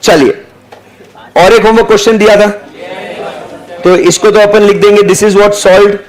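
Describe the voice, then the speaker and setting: A man's voice: high voice, steady tone, low-quality recording. A young Indian man teaching an accounting class live, dictating figures and prodding students to answer. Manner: slow deliberate dictation mixing Hindi and English, prodding students for answers. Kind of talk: live online class lecture.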